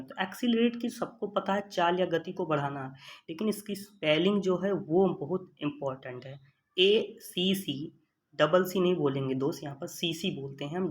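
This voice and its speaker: A man teaching an exam-prep vocabulary lesson. He explains patiently, spells words out letter by letter, and keeps checking in with "okay" while calling viewers his friends. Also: fairly high pitch. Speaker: vocabulary tutor.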